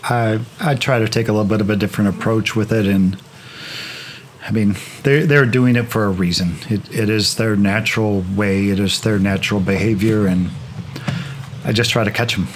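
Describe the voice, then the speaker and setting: Man, low voice, relaxed explainer, outdoors by beehives, clear insect buzzing behind. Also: normal speed, slight background noise. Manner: relaxed, explanatory, with frequent restarts. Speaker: beekeeper, channel host. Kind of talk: explaining while working outdoors. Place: outdoors in a grassy yard among beehives.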